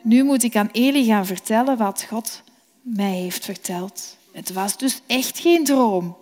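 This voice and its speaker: A woman's voice: fairly high pitch, measured pace, darkish tone, close to an everyday voice. Woman voicing eager boy Samuel. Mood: earnest. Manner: earnest, eager child voice. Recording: long reverb.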